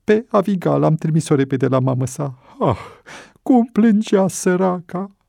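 A man's voice: expressive, vocal fry, dark tone, no room sound, clean studio sound. A man voicing a panicked young man who has just been arrested, crying and wailing in a choked voice. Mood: despairing. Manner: choked, wailing, high-pitched.

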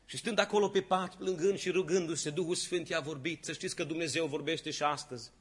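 A man's voice: on the high side, steady tone. A male preacher telling a story dramatically and rising to fervent exhortation. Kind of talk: sermon.

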